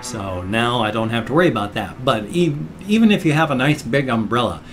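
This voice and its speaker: A man's voice: mid-range voice, expressive, a little fast, a bit bright, faint music behind. An older man rambling casually to viewers, apologetic and mildly grumbling, his speech hissing and slightly slurred from loose dentures. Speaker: vlogger.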